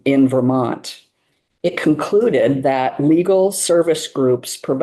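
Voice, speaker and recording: A woman testifying before a legislative committee, measured and full of "um" pauses, speaking around a cough drop. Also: a bass voice, mellow. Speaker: witness testifying.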